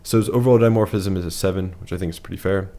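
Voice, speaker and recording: Male presenter with a deep, hoarse voice, for a plain analytical voice-over. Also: racing, dark tone. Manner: matter-of-fact, rating things one by one. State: losing his voice.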